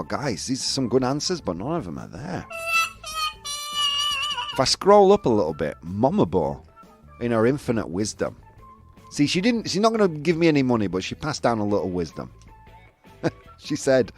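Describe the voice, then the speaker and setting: A man's voice: mid-range voice, husky. A British man hosting a casual livestream game and reading out viewers' answers in a chatty way. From United Kingdom. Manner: chatty, reads viewer answers aloud, animated. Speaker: show host. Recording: faint background music.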